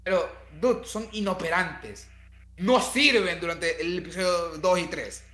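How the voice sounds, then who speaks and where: Male podcast co-host, sharp bright voice, slangy and relaxed, recorded in an echoey room. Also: sits high, unhurried. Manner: laid-back, slangy. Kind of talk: casual podcast chat.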